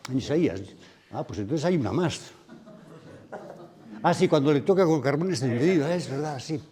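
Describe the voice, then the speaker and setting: A man's voice: fairly high pitch, expressive, normal speed, warm tone. A man preaching a sermon at a retreat, reflective and thoughtful, often putting questions to his listeners. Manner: reflective, asks the audience questions. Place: retreat meeting room.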